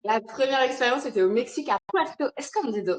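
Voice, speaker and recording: A woman in a casual podcast conversation, talking about her work in a lively, chatty way with frequent fillers and laughs. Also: high voice, quick pace. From France. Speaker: founder of an entrepreneur retreat, podcast guest.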